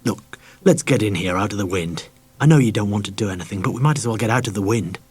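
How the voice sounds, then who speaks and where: A man voicing a gentle young airman with a posh English accent who speaks kindly. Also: on the low side, fast talker, husky. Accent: upper-class English.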